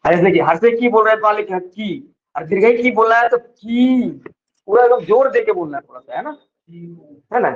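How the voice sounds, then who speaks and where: A man's voice: high-pitched, animated, a little fast, phone-quality sound. A male teacher giving a classroom grammar lesson, questioning students and constantly checking "right?" as he dictates notes. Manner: keeps asking "है ना?" to check on students. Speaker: exam-prep teacher.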